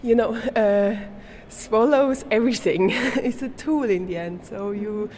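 A woman's voice: mid-range voice, unhurried, darkish tone, slight background noise. A young Swiss woman whose first language is German, answering interview questions in English, often hesitating to find words and laughing lightly. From Switzerland. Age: young adult. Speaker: guest artist.

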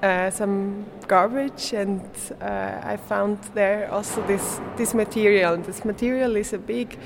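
Against a noisy background, this young woman from Switzerland speaks English in an interview, though German is her native language. She's an art student with a creaky, medium-pitched voice, fairly even intonation, and a measured pace, often laughing as she hunts for words.

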